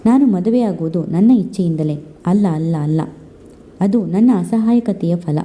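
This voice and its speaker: A woman voicing a heartbroken young woman torn over her marriage, speaking her inner thoughts slowly and pleadingly. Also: fairly low pitch, mellow, a little hiss or hum, close to an everyday voice. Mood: anguished. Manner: slow, pleading inner monologue.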